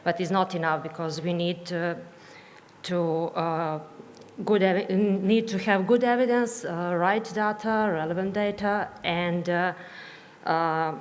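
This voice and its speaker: A woman with a Serbian accent and a fairly even, low-leaning voice presents at a conference as a patient advocate. Nervous, she speaks halting non-native English to an audience in an echoey hall where background noise is clearly audible.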